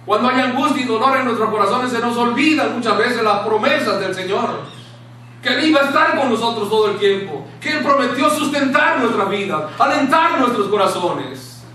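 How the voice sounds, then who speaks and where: A man preaching a sermon in a small church room, impassioned, dropping to a hushed tone when he quotes scripture. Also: extremely high pitch, lively intonation, normal speed. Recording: very echoey room, distant mic, faint hiss.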